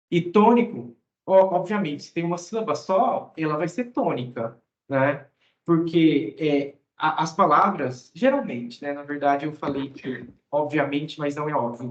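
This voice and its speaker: Brazilian male English teacher, raised voice, explanatory and patient, roomy lo-fi recording. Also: fairly high pitch. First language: Portuguese. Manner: explanatory, checks in with "né?" and "tá?". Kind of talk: explaining grammar lesson. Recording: roomy, dull lo-fi sound.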